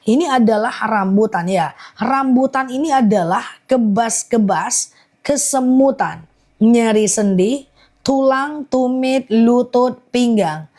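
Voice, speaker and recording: A woman's voice: fairly high pitch, slow pace, darkish tone. A woman selling honey on a live stream, rattling off long repeated lists and urging viewers to buy. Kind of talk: live-stream sales pitch.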